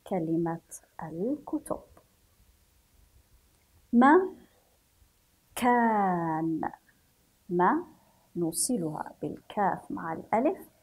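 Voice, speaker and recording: A woman teaching a children's reading lesson, slowly sounding out each letter and syllable. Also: fairly low pitch, warm tone, slightly rough, rough recording. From Yemen. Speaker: primary school teacher.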